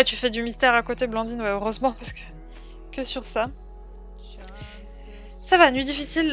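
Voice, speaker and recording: A young French woman chats casually on a livestream, answering viewers' comments and trailing off with frequent fillers. Her voice sits slightly high for a woman. Quiet music plays behind her. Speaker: streamer.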